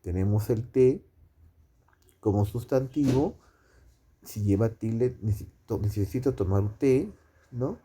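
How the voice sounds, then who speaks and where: A man teaching a grammar lesson, explaining slowly with many fillers and tag questions. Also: medium pitch, mellow, a little hiss or hum.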